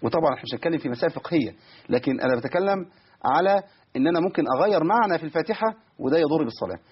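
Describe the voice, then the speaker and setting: Husky Egyptian man teaching recitation. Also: on the high side, animated. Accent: Egyptian Arabic. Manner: patient, correcting and demonstrating pronunciation slowly. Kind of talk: live radio call-in lesson. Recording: dull lo-fi radio broadcast.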